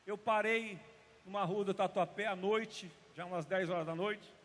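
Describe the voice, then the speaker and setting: High-voiced pastor preaching in a hall. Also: male voice, fairly even intonation, normal speed. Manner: storytelling, emphatic, drops to hushed tones for drama. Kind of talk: sermon. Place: church service. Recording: reverberant church hall.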